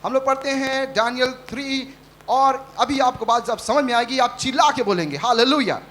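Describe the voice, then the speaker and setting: A man's voice: very high-pitched, normal speed, fairly bright tone, a little hiss or hum. A male pastor preaching a Sunday sermon, leading the congregation in call-and-response and acting out the quotes he tells. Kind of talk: Hindi sermon. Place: church service.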